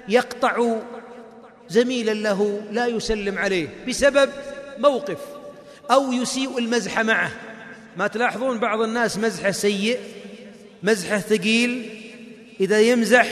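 A man's voice: sits high, fairly bright tone. A man preaching to young students, chanting verses melodically and quizzing the audience. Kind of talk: sermon with quiz for students. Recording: long hall reverb.

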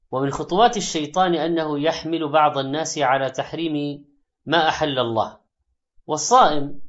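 A man preaching in formal standard Arabic, explaining scripture in measured, deliberate phrases with short pauses. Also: on the high side. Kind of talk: Quranic commentary sermon in formal standard Arabic. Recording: dull, band-limited lo-fi audio.

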